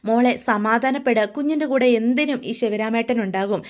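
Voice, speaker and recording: A woman's voice: fairly high pitch, brisk, natural voice. A woman voicing a grieving, loyal older male worker who confides in a pleading way. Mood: tearful confiding.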